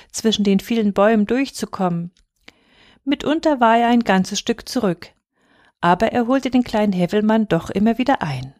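A woman reading a fairy tale aloud in a calm, expressive way, sometimes dropping to a hush. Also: mid-range voice, no echo, clean studio sound. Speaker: storyteller.

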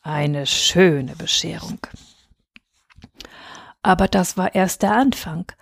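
A woman's voice: lowish voice, takes it slowly, creaky, slightly rough, no room sound. Woman reading a children's story, dry sound. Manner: lively, expressive storytelling. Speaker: reader.

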